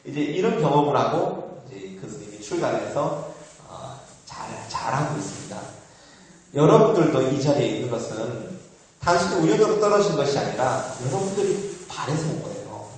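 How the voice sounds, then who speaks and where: A man's voice: mid-range voice, very animated, normal speed. A man, a monk, giving an informal Buddhist dharma talk, conversational with frequent fillers and laughter. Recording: very echoey, far from the mic.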